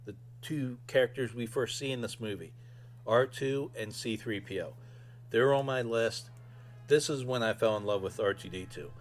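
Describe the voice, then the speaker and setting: A man casually giving his own fan review as a solo podcast host. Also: on the low side.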